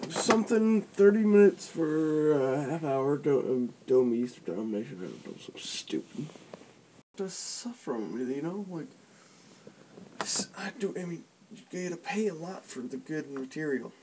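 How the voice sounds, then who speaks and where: A man's voice: fairly high pitch, warm tone. A man talking in his sleep in mumbled, disjointed, repetitive phrases. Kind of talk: unconscious sleep talk. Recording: noisy home recording with clicks.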